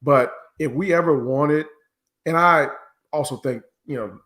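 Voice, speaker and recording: A man's voice: on the high side, measured pace, fairly bright tone. A man with an American accent giving opinions as a panelist in a casual political podcast discussion, argumentative and sometimes swearing.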